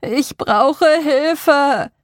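A woman voicing a man who shouts for help, his voice strained and eerily distorted. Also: high voice, very slow, dry recording, studio quality, voice pushed up. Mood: desperate shouting. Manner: loud desperate cries from afar.

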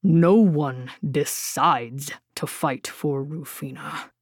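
A woman voicing a weary giant man in an audiobook, speaking slowly and gruffly. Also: low voice, a little mellow, no echo, studio quality.

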